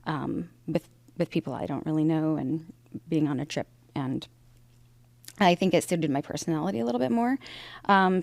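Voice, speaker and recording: Her voice sits on the low side with a darkish tone and no echo. She is a woman in her forties who grew up in Idaho and now directs aircraft sales, chatting through her career story as an interview guest. The conversational interview is rambling and story-driven, with frequent fillers and restarts.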